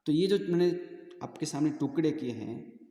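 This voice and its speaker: A man's voice: on the high side, lively intonation, moderate pace, dark tone, echoey room, big-room sound. A man teaching a grammar lesson to young children, patiently explaining and asking questions that he then answers himself.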